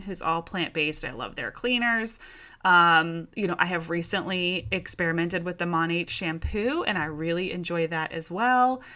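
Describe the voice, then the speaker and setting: A woman hosts her own podcast, talking to her listeners like friends on a couch, calling them "you guys" and "y'all." Her voice is bright and forceful, and it sits a little low for a woman. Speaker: podcast host. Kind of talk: casual solo podcast talk.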